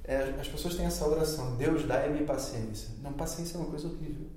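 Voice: mid-range voice, fast. Assertive Brazilian speaker in echoey room. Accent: Brazilian Portuguese. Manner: animated, assertive, acts out little dialogues. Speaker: co-host giving advice. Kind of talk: casual podcast chat.

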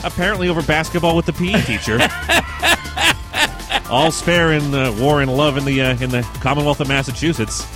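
A man in casual podcast chat, trading quick wisecracks and laughing often. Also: fairly high pitch, animated, music in the background. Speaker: podcast co-host. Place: Massachusetts.

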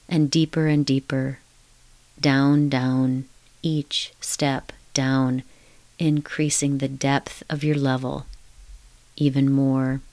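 A woman guides deep relaxation in a low, even voice. Her delivery is slow and soothing, like a hypnotic countdown, with hushed, repetitive phrases. The sound is close and dry, free of room echo.

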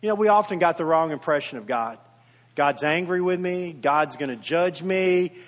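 A male pastor delivering a sermon in a fairly high voice. He preaches earnestly, swelling louder on key points and then falling to a quiet, tender hush. His voice trails off in the long reverb of a big church hall. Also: animated, moderate pace. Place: church sanctuary.

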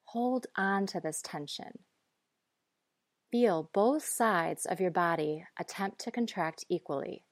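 A woman guiding breathing and muscle relaxation in a calm, measured, instructive way. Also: on the low side, no room sound, studio quality. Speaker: guide.

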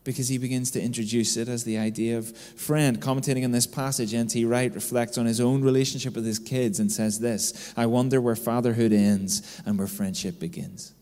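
A man's voice: mid-range voice, steady tone, fairly quick, hardly any pauses, warm tone. A man in his thirties giving a conversational sermon as a pastor, telling stories and tagging his sentences with "right?". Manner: storytelling, keeps adding "right?" tags. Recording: long reverb of a hall.

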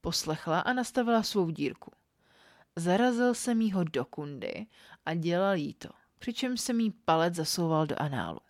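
A woman with a fairly low voice narrates an erotic story in a calm, even way. The sound is dry and close to the mic, with no room around it. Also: no echo. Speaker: podcast storyteller.

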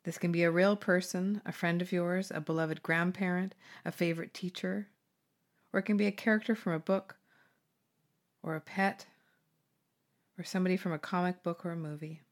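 A woman hosting a guided meditation, speaking slowly and soothingly with gentle pauses. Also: fairly low pitch, steady tone.

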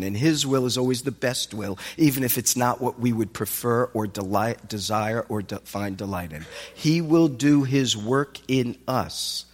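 A man preaching a sermon as pastor of a congregation, talking expressively and lifting his voice as he retells scenes. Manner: expressive, rises in pitch when retelling scenes. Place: congregation worship hall. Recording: reverberant hall with faint music.

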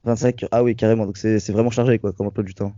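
A man's voice: on the low side, fairly even intonation, quick pace, warm tone, no echo. A man hosting an interview over a phone call, hesitant and often repeating his words. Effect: over a phone call line. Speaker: interviewer, host. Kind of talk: casual interview. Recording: dull lo-fi call line.

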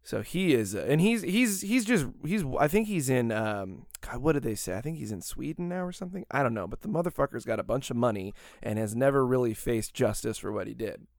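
A man's voice: medium pitch, expressive, fairly quick, gravelly, hardly any pauses, darkish tone, no echo, studio quality. An American man chatting casually as a podcast host, rambling, swearing and laughing often. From United States.

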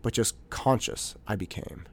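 A man, hosting a podcast and telling a reflective personal story, animated and acting out quoted voices. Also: a little slow. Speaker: podcast host.

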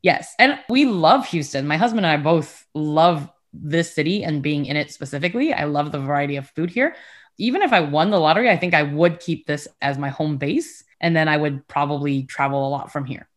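A woman's voice: low-pitched, a little fast. A young adult woman co-hosting a podcast, chatting casually with a friend and laughing often. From United States. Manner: giggly, chatty, frequent laughter. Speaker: podcast co-host. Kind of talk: casual chat.

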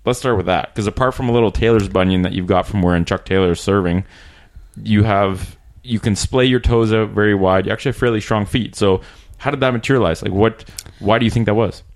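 A man hosting a podcast in casual interview chat, recorded in a small room, with hesitant pauses and throat clearing. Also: on the low side. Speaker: podcast host. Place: small room in a rented apartment.

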